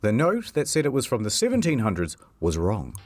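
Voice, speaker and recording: A man narrating a comedic history video, wry and storytelling, with sudden swings in pitch. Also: wildly swooping pitch, a little fast.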